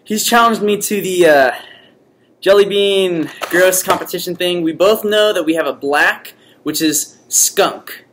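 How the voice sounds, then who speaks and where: A man's voice: high-pitched, measured pace, fairly bright tone. A young man chatting casually to camera in a gross jelly bean eating challenge, sounding disgusted. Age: young adult. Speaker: challenge host and contestant. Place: large indoor common room. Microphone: camera mic at arm's length. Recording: noisy room, camera microphone.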